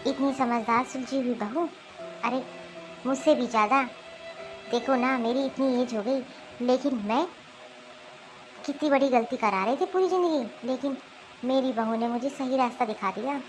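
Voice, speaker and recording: A woman voicing a remorseful, kind middle-aged mother-in-law in an animated cartoon, speaking earnestly. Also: high-pitched, moderate pace, long pauses, faint music behind, close to an everyday voice, low-quality recording.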